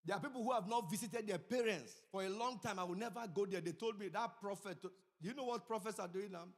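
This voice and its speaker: A middle-aged man preaching a sermon as pastor, telling stories and swinging from low asides to loud emphasis. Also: fast. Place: church sanctuary. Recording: church hall reverb.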